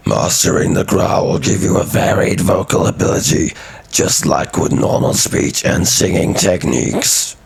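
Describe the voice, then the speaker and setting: Casting: man performing low, guttural growler, false-chord rasp blended into speech. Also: animated, measured pace, exaggerated voice. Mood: growling.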